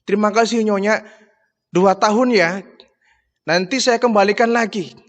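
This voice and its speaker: A tearful, devoted nursing mother who begs to keep the child she raised, as a male preacher puts her on. The voice rides high and emotional. A long reverb trails every line. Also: normal speed, fairly bright tone. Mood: joyful grateful. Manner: emotional, pleading storytelling voice.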